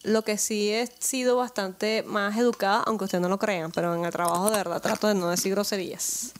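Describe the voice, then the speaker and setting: A woman's voice: medium pitch, fairly even intonation, brisk, a little hiss or hum. A Venezuelan woman co-hosts a casual podcast chat, speaking with a Venezuelan accent. She is blunt and teasing and swears offhandedly as she talks. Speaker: podcast co-host.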